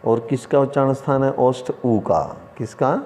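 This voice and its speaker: A man teaching an online lesson, who explains slowly by asking questions and then answering them himself. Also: medium pitch, fairly even intonation, a little mellow. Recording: room with long reverb.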